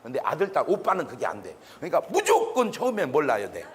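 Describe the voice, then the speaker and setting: A man, a pastor, giving a humorous public lecture in an animated, joking way, sometimes bursting into shouts. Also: on the high side, fast.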